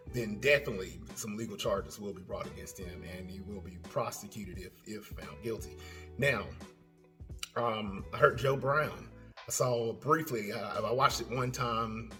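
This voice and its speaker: A man's voice: fairly low pitch, fairly bright tone. A man giving casual spoken commentary as a channel host, rambling and hesitant, full of fillers and restarts.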